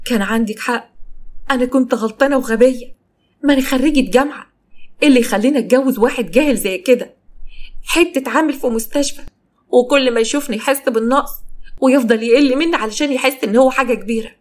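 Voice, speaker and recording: A young Egyptian wife speaks in a raised, pleading voice, voiced by a woman narrator. She sounds hurt and quick to blame herself. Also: sits high, darkish tone, close to an everyday voice. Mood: bitter. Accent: Egyptian Arabic.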